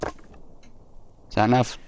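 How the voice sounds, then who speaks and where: Speaking very slowly, with a slightly mellow voice, a young let's play host comments casually on the horror game he is playing. He reads the in-game notes out loud and gets sarcastic, swearing at the game, while faint game music plays.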